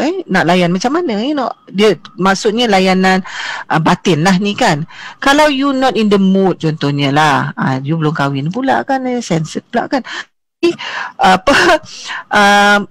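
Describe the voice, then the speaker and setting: A woman in her forties from Johor with a Malaysian accent, giving an online seminar talk in a lively way with English asides and rhetorical questions. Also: mid-range voice, no room sound. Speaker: seminar speaker.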